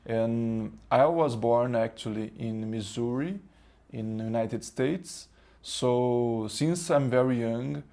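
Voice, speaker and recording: A Brazilian Portuguese-accented man, a spiritual teacher, addresses the camera in English, which is not his first language, pausing haltingly as he hunts for words. His mid-range voice is mellow, with vocal fry.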